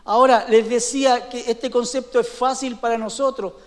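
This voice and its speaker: High-voiced pastor in an echoing hall. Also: male voice, fairly even intonation, moderate pace. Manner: conversational preaching with frequent "¿sí?" and "¿no es cierto?" checks. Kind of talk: sermon. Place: church hall.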